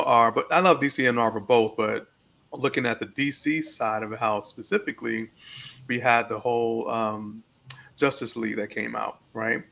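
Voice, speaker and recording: A man co-hosting a discussion podcast, talking in an animated, opinionated way with joking asides. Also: medium pitch, gravelly, low-quality recording. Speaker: podcast co-host.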